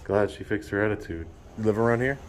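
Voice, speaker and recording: Low-pitched, insistent man chatting over faint noise. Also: fast. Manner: talkative, insistent, repeats himself. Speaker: citizen recording public officials. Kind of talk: casual confrontational chat.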